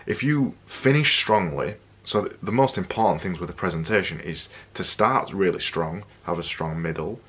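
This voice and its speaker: A young man talking casually to camera in an energetic, jokey way, giving tips on presenting. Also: low-pitched, moderate pace, few pauses, breathy edge. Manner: energetic, jokey, repetitive emphasis.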